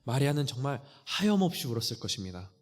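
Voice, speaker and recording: A man preaching a sermon earnestly, often dropping to a hushed, near-whispered voice when quoting. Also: mid-range voice, big pitch swings, quick pace. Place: church sanctuary. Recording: church hall reverb.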